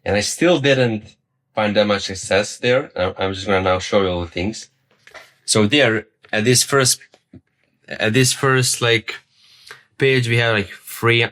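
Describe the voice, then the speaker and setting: Here a young man from Serbia, whose native tongue is Serbian, rambles through a story about himself for his vlog camera, repeating words and dropping casual swears. His voice is medium in pitch and fairly bright.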